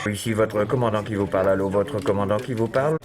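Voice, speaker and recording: An actor playing a rude male hotline agent who puts on a mock airline captain's cockpit announcement in a lowered voice, from a comedy sketch clip. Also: fast talker, heavy background noise, close to an everyday voice. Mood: mock solemn.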